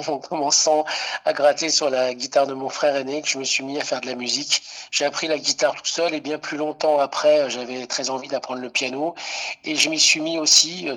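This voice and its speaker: A middle-aged man from Italy talks as a guest in a radio interview. His voice is bright with a husky edge. He speaks hesitantly and keeps restarting his sentences. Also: medium pitch, low-quality recording. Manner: hesitant, many fillers and restarts. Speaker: singer-songwriter guest.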